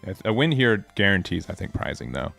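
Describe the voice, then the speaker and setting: A man's voice: low voice, big pitch swings, a little fast, creaky, bright, forceful tone, faint music behind. A man hosting a live card game tournament stream, commentating casually in a laid-back, rambling way with self-mocking asides.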